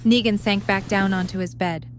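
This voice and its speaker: A woman narrates an audio drama, reading scripted story narration at a moderate pace. Her voice is medium-pitched with fairly even intonation, and the recording carries a faint background hum and noise.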